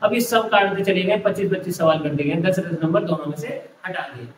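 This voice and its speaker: A man's voice: sits high, fairly quick, roomy sound, distant mic, noisy background. A male tutor explaining an entrance exam syllabus, listing topics one by one and repeating himself. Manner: repetitive, lists topics one by one.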